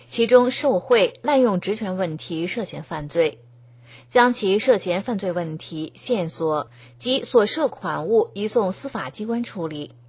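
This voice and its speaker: A woman reading scripted news narration in an even, formal tone. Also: mid-range voice, a little slow, slightly rough. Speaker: news reader.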